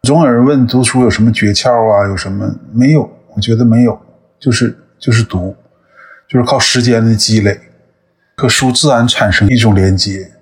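Husky, unhurried man in his fifties. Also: medium pitch. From northeast China. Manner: thoughtful, measured, with frequent hesitations. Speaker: guest. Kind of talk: conversational interview.

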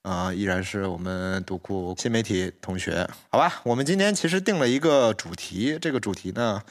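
A man's voice: lowish voice, lively intonation, normal speed. A young man hosting a casual chat, teasing and prompting the others with questions. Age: young adult. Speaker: podcast host.

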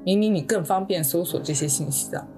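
Woman podcast host, reflective, conversational, lower voice, faint music behind. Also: fairly quick, dark tone. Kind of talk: narrated podcast with scripted segments.

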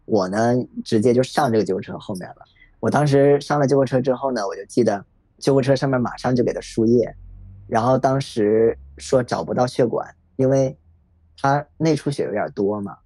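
A man in his thirties telling a personal story in a reflective, halting way, with many fillers. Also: medium pitch, mellow, dry recording. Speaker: podcast guest sharing a personal story. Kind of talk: emotional first-person storytelling. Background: faint background music.

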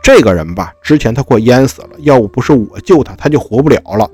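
A noble male deer pleads for mercy in a spoken storybook, as a man puts him on. The voice is husky and sincere, with soft music behind. It stays near the narrator's natural voice. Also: mid-range voice, animated, fairly quick. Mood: pleading. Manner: earnest, pleading.

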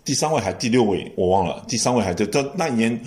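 A man hosting a casual sports podcast chat, giving long lively explanations with frequent restarts. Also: lowish voice, quick pace. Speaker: podcast host.

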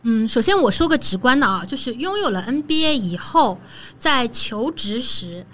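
A woman with a somewhat high voice, speaking as a podcast guest in an easy, chatty way. She lets her phrases trail off with soft particles. A faint hiss runs under the recording. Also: sing-song, moderate pace. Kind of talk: casual podcast conversation.

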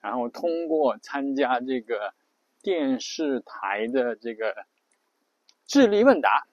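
A man's voice: mid-range voice, sing-song, slow pace, no room sound, highs cut off. A man hosting an audio show who explains vocabulary in a casual monologue, chatty and thinking aloud with frequent fillers. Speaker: podcast host.

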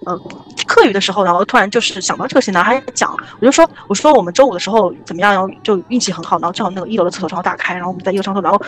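Fast-talking young woman telling a ghost story. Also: medium pitch. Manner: rambling, animated, many restarts. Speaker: podcast guest storyteller.

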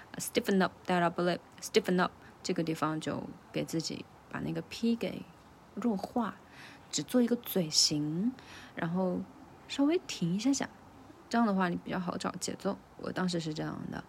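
Gravelly-voiced woman coaching English pronunciation. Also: on the low side, a little mellow, slight background noise. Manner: breaks lyric lines into sounds, repeats them slowly. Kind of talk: casual singing-style pronunciation lesson.

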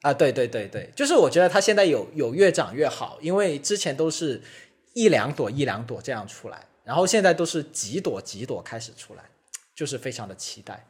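A podcast co-host with a very animated voice whose pitch rises and falls a lot. He chats casually, calls himself by his own name and laughs his way through anecdotes. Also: a little fast, slightly rough. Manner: refers to himself by name, laughs while telling stories. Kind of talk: casual chat.

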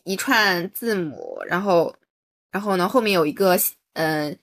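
A woman's voice: lowish voice, a little slow, a bit bright. Woman co-host, casual chat, searching for words as she goes. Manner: thinking aloud, hesitant, many fillers and restarts. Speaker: podcast co-host. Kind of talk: casual book-club chat.

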